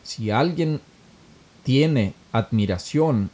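A middle-aged man tells a story in a folksy, rambling manner. His pitch sits in a typical male middle range, and he speaks as a casual monologue full of fillers. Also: lively intonation, drawn-out words, darkish tone. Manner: folksy, many fillers like "este".

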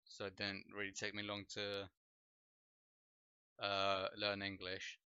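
Taking it slowly in a fairly low, clean-toned voice, a young Polish streamer and podcast host, native in Polish, rambles through easygoing livestream chat laden with "like" and "bro." The dull lo-fi home mic picks up no room sound.

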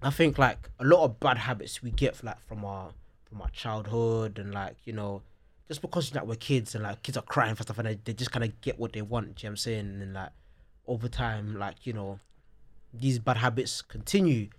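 A man's voice: fairly low pitch, moderate pace. A man with a London roadman accent chatting casually on a podcast, slangy and often checking that he is understood. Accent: London, urban slang. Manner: slangy, repeats "you know what I'm saying".

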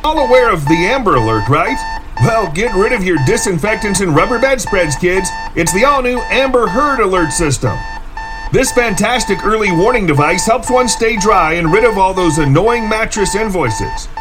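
A man playing an upbeat, punchy TV pitchman in a parody advertisement for an absurd gadget. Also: lively intonation, moderate pace. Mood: salesy. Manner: salesy, punchy. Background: loud music bed.

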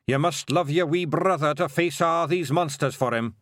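A man's voice: fairly high pitch, normal speed, a bit bright, dry recording, studio quality, voice pushed up, lightly acted. A man voicing a boastful little male pixie chieftain with a Scottish accent. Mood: gruff.

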